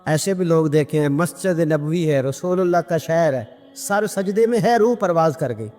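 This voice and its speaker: A man preaching an impassioned sermon, telling stories with fervent, climbing emotion and quick Arabic recitation. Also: dark tone. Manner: fervent storytelling, pitch climbing as emotion builds. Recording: long hall reverb with background music.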